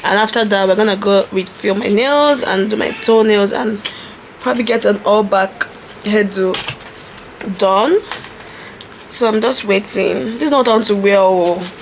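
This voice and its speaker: A woman's voice: mid-range voice, normal speed. Young woman, vlog host, casual and giggly to camera, bedroom, light room noise. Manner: chatty, giggly, talks to camera. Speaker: vlogger, bride-to-be. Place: bedroom, indoors.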